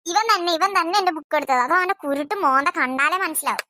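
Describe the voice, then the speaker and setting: Woman doing a sulky big-sister cartoon girl, whiny and accusing, bright high voice. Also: quick pace, no room sound, studio quality. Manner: complaining, accusatory. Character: aggrieved teenage elder daughter, sulky and complaining.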